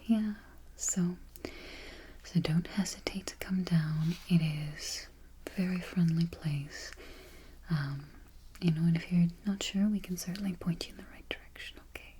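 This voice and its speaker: Whispering woman in a soft librarian role-play. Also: fairly low pitch. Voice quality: whispered, breathy, soft-spoken. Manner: gentle, unhurried, reassuring, with murmured mm-hmms. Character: friendly, patient small-town female librarian registering a patron. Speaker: ASMR performer. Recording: noisy close recording, keyboard clicking.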